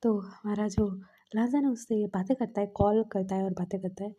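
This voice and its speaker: A woman retells a love story casually and chattily, with plenty of fillers. Her voice is very dark, and it has a husky edge. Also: mid-range voice, fairly even intonation, normal speed, highs cut off.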